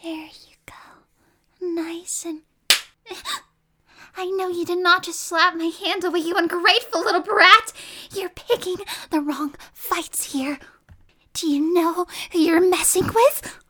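Woman as unstable captor girl, not human, very high, slow, breathy whispers, possessive. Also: darkish tone. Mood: furious. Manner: mostly whispered, coaxing, suddenly snapping. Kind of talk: ASMR roleplay.

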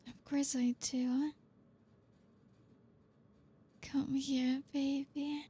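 A woman in a whispered intimate audio roleplay, speaking as a girlfriend in a soft whisper broken by frequent giggles. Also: sits high.

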